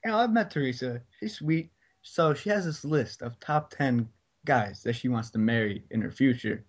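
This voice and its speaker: Deadpan young man on a dull lo-fi mic. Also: medium pitch, moderate pace, slightly rough. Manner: deadpan joker. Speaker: podcast co-host. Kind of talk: casual chat.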